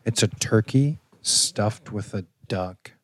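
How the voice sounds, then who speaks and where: A man from the American Midwest, a podcast guest, telling stories in a lively, casual way with some swearing. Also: fairly low pitch, slow pace, background noise. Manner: animated storyteller, swears casually. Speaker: guest, biscuit shop co-owner. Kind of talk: casual chat.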